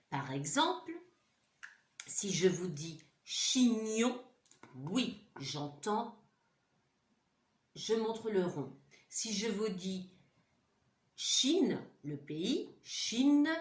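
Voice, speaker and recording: A woman teacher giving a home-school lesson to young children, patiently repeating sounds and words for them to echo. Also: on the low side. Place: home room. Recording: echoey room.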